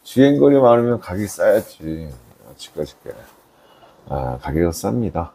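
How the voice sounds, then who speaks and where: A middle-aged man giving casual, unscripted used car salesman patter, repeating his selling points in a husky, gravelly voice. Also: sits low, sing-song, normal speed, dark tone, a little hiss or hum. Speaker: used car dealer presenting a car.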